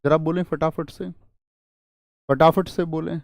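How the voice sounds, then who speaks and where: A man's voice: fairly high pitch, steady tone, measured pace, gravelly, dry recording, clean studio sound. A male teacher giving an exam-prep Hindi spelling lesson, quizzing students with repeated rhetorical questions and calling them friends and brother. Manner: addresses viewers as friends and brother.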